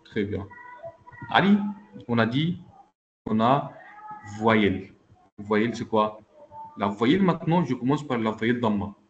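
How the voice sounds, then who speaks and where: A man's voice: mid-range voice, animated, unhurried, pauses often, highs cut off, a little hiss or hum. Patient male teacher on a video call. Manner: patient, repeats checks like "ok?" and "d'accord?". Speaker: Arabic teacher. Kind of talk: online class teaching.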